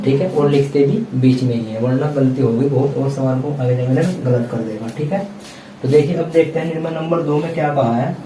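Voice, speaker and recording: Guy teaching maths at a board, patient, keeps checking in with students, mellow voice, kinda far from the mic in an echoey room. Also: medium pitch, a little hiss or hum. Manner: repeats "theek hai" as a check-in filler; patient, explanatory, addresses students directly. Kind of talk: blackboard maths lesson. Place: classroom at a blackboard. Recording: echoey room, voice from a distance, faint ambience.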